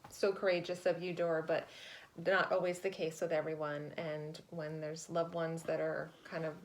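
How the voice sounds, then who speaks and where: A woman explaining things in a measured, tactful way as a hospice nurse being interviewed. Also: low voice, level tone, a little hiss or hum.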